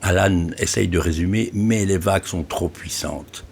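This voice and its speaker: Gravelly-voiced man narrating an audiobook. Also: deep voice, normal speed. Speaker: author reading his novel.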